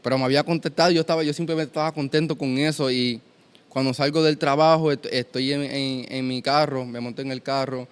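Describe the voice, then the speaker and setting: A man in his twenties giving an earnest, halting testimony in a conversation. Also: mid-range voice, little pitch movement, clean tone. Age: 20s. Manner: earnest, storytelling with many restarts. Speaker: guest.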